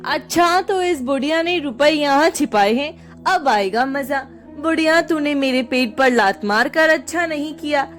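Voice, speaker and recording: Jealous thieving sweet-maker man put on by a woman, sneering, high and slow, cartoon story. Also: soft background music. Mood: scheming. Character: scheming male village sweet-maker, jealous thief.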